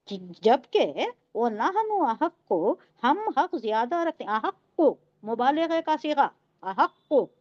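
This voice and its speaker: A woman's voice: sits high, dry recording, dull audio. A woman teaching a Quran tafseer lesson, going through the Arabic word by word and quizzing her listeners as she explains.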